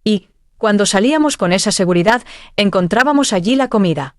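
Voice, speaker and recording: A woman's voice: medium pitch, expressive, fairly quick, dry recording, studio quality. A woman telling of a dream vision at church, earnest and heartfelt. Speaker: church member giving testimony.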